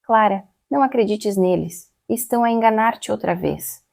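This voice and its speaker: Brief: woman reading a deceitful forty-ish swindler, cold and defensive, gravelly. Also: medium pitch, moderate pace, a little mellow, no echo, studio quality, voice pushed up, natural voice. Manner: cold, then panicky and defensive.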